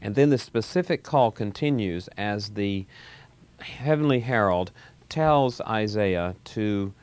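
Low-voiced man lecturing on scripture. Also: expressive, a little mellow. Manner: measured, explanatory, with restarts. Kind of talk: Bible lecture.

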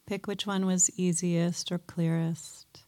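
A woman guiding a mindfulness meditation in a soft, gentle way, pausing often between phrases. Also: lowish voice, little pitch movement. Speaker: meditation teacher.

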